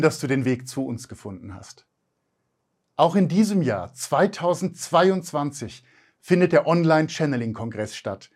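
Gentle man reading a promo. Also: fairly high pitch. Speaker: event promoter. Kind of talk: scripted promotional voice-over.

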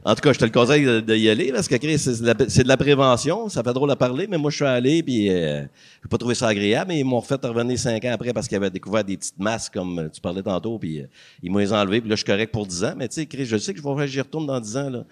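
A man's voice: mid-range voice, lively intonation, fast. Laid-back swearing Quebec man telling stories. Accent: Quebec French. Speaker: podcast guest. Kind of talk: casual podcast chat.

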